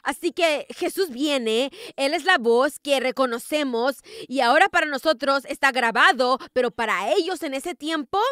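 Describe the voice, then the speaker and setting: A woman prophetess delivers a sermon in a high, ringing voice. Her tone is bright and sharp, and the sound is close and dry. She keeps asking the congregation whether they are following and builds to forceful declarations. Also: normal speed, hardly any pauses, no room sound. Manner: emphatic, rising to forceful declarations. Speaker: prophetess preaching.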